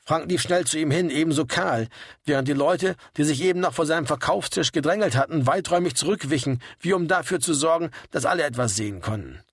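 A man reading a story aloud in a steady, wry narrating manner. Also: fairly high pitch, fast talker, slightly rough, no room sound, clean studio sound. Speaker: audiobook reader. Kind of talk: scripted narration.

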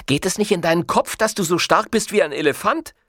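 A small, bossy young thief scolds and grumbles in a raised, higher voice, as a male narrator puts him on. He sounds quarrelsome and lively. The storybook reading is dry and close. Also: fairly quick, no echo, heavily acted. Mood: scolding. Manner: scolding, complaining.

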